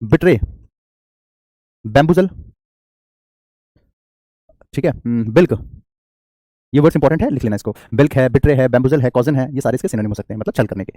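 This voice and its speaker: A man's voice: medium pitch, mellow, no room sound, studio quality. A man teaching English vocabulary in a live online class, chatty and joking, calling his students "beta" and reading their comments aloud.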